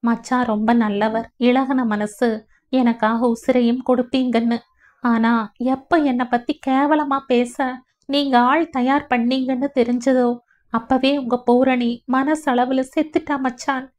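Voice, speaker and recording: A woman voicing a wounded, defiant young village woman who speaks in sharp, accusing tones in a storybook reading. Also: high-pitched, fairly even intonation, a little slow, voice pushed up. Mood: bitter accusing. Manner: sharp, accusing, rising in anger. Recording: dull lo-fi audio.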